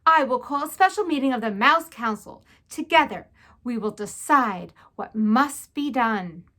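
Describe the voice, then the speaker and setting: A pompous father mouse thunders his decrees, played by a woman reading aloud. He speaks in stern, loud proclamations. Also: on the high side, expressive, unhurried.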